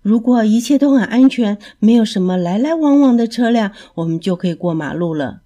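A woman voicing a patient, kindly male cat who explains things gently in a storybook. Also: on the high side, fairly quick, highs cut off, pitched above the performer's own voice, lightly acted.

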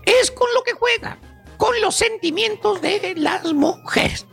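Brief: shrill gravelly Mexican comic professor, slangy and rambling, radio comedy bit. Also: male voice, animated, slow, bright, forceful tone, faint music behind, heavily acted. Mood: storytelling. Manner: rambling, slangy, keeps saying "güey" and "fíjate nada más". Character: squeaky-voiced male joke professor lecturing on rustic types. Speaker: comedy segment presenter.

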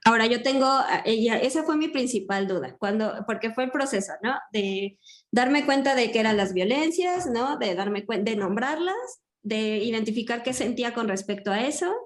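A woman's voice: a little high, lively intonation, moderate pace. A woman hosting a podcast, chatting reflectively and retelling conversations with many fillers. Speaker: podcast host. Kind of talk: casual podcast chat.

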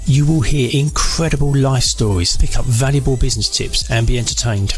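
A man in a middle pitch reads a scripted podcast introduction as host. His delivery is smooth and polished. Soft music plays underneath. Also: a little fast. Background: faint music.

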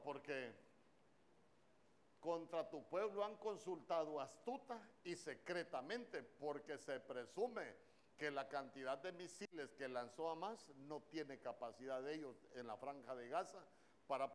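A man's voice: fairly high pitch, a little slow. A man preaching a sermon in a church, with a Honduran Spanish accent, throwing questions at the congregation.

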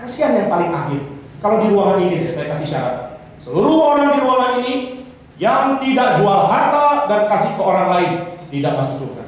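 A man preaching a sermon in a lively way, acting out little dialogues in shifting voices. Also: high voice, brisk, a little hiss or hum. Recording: echoey hall from far off.

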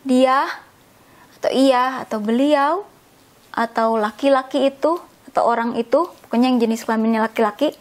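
A woman's voice: sits high, moderate pace. A woman teaching a language lesson, patiently explaining and repeating words, often checking in with a questioning "ya?". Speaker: English teacher.

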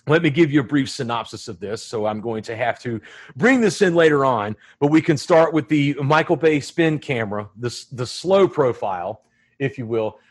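A man hosting a casual podcast, animated and joking as he leads the talk. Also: mid-range voice, slightly rough. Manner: animated and joking, does mock announcements. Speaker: podcast host.

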